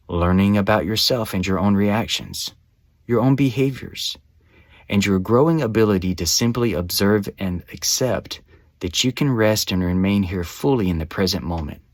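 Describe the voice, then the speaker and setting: A low-voiced man reads a guided meditation script, offering gentle step-by-step instructions in measured, soothing phrasing. The recording is dry, with almost no room sound and no echo.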